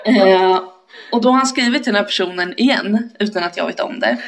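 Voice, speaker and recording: Young woman, Kumla Swedish accent, casual chat, animated storytelling, swears a lot. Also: mid-range voice. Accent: Swedish, from around Kumla. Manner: animated, swearing, laughing often, acting out quotes.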